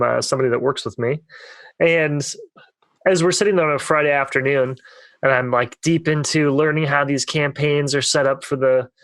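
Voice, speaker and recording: A man's voice: fairly high pitch, a bit bright, smooth, no echo. A young man, co-hosting a casual podcast and telling a long rambling story full of fillers. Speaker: podcast co-host. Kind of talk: casual storytelling among friends.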